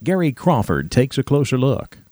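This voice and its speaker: An American man anchoring radio news, reading scripted headlines in a formal, measured announcing manner. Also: mid-range voice, sing-song, dark tone, no room sound.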